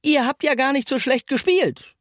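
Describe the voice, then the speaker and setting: A storyteller voicing a stubborn young girl footballer, defiant and determined, in a high voice. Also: normal speed, dry recording, clean studio sound, close to an everyday voice. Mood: teasing.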